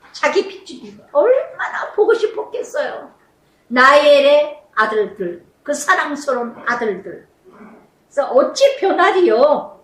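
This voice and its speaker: Woman pastor, middle-aged, storytelling sermon voice with a wide, swooping pitch, recorded far from the mic. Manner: animated storytelling, acting out quotes. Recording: echoey room from far off.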